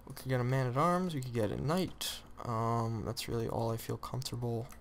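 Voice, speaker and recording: A teenage boy giving rambling, excitable let's-play commentary, often correcting himself mid-sentence. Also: medium pitch, fairly quick, a little hiss or hum. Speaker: gamer.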